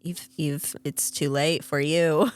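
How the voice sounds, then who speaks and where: Teasing woman podcast co-host, lowish voice. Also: fairly even intonation, dry recording. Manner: playful, teasing, quick to laugh. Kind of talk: casual chat.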